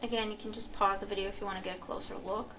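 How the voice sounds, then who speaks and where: A Romanian woman, a tarot reader, muses aloud at her home table as she unboxes a deck, thinking out loud with fillers and restarts in casual commentary. Her mid-range voice is flat and very fast, with background noise in the clip.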